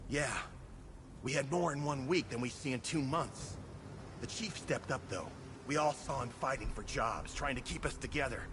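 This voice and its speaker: Man as weary, loyal firefighter, medium pitch. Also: normal speed, background noise, close to an everyday voice. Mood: weary, relieved. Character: weary, loyal male firefighter, devoted to his crew. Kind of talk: video game voice acting.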